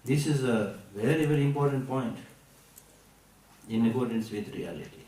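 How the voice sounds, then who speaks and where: A man with a Tibetan accent gives a Buddhist teaching to listeners in a deliberate, emphatic way, repeating key phrases and posing rhetorical questions. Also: mid-range voice, warm tone. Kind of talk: Buddhist teaching to a live audience. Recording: echoey room, recorded from a distance.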